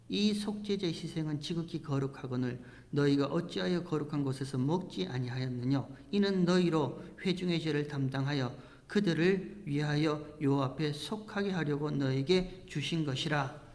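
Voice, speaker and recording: High-voiced pastor preaching in a reverberant hall. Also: male voice. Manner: swings from hushed whispers to loud impassioned outbursts; acts out quoted speech while preaching. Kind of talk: sermon. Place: church sanctuary.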